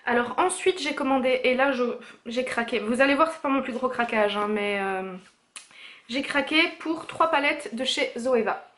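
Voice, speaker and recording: A young woman vlogger chats through her beauty haul at home, her voice a little on the high side. She talks casually with lots of little fillers and restarts, straight into the camera mic. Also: normal speed, a bit bright. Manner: chatty, many fillers and self-corrections.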